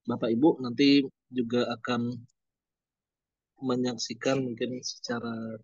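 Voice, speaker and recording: A man's voice: medium pitch, flat delivery, a little slow, a little mellow, no room sound. Man on a breaking-up video call. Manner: hesitant, many filler sounds. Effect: video call audio breaking up and cutting out. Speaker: education office official. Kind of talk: formal remarks in an online meeting. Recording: dull lo-fi video call audio.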